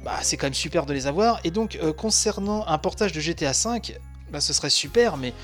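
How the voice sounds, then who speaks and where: A man's voice: a little high, expressive, brisk, a bit bright, soft background music. Hesitant man hosting a podcast. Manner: hesitant, many fillers and restarts. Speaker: podcast host. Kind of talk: casual podcast chat.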